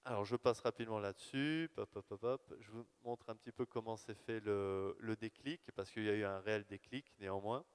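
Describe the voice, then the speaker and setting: A man giving a live lecture on his research, talking in a lively, conversational way with fillers and asides to the audience. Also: on the low side, fairly quick, hardly any pauses, clear, resonant tone. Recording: long hall reverb.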